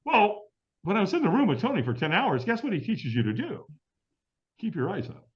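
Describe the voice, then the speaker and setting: A man's voice: high-pitched, huge pitch swings, brisk. A middle-aged man as an interview guest, telling a story in a vivid way and acting out the quoted dialogue. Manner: vivid, acts out quoted dialogue, laughs often. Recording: dull lo-fi audio.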